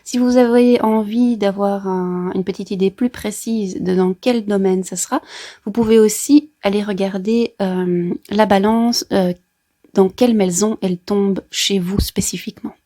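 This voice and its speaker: A woman's voice: medium pitch, fairly even intonation, unhurried, dark tone. A woman with a Brussels Belgian accent chats casually and playfully to viewers, explaining astrology like a therapist, with colloquial asides. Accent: Brussels Belgian French. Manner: playful, chatty, with colloquial asides and sound effects.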